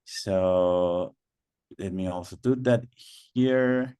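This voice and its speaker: Slow man hosting a webinar. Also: low voice, warm tone, clean tone, no room sound. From Mexico. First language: Spanish. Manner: patient, repeats instructions, many fillers. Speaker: webinar host. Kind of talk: online webinar moderation. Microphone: video call.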